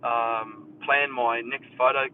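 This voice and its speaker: Speaking slowly in a steady, mid-range voice, a man with an Australian accent who works as a hairdresser rambles to viewers in a casual live chat, filler-heavy but emphatic on his main points. He's inside his mother's house with the air conditioner on, and the recording sounds tinny, faintly noisy, and far from the mic.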